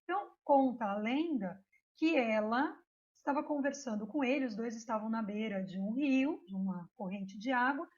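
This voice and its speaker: High-voiced Brazilian yoga teacher. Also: female voice, normal speed. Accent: Brazilian Portuguese. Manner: chatty, animated storytelling with frequent "né" asides. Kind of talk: online course lecture with storytelling. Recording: dull lo-fi recording.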